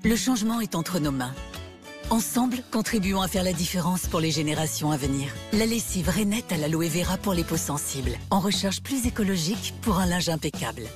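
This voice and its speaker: Female ad narrator, earnest and gentle, lowish, music bed. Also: animated, fairly quick. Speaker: ad voice-over. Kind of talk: scripted ad narration.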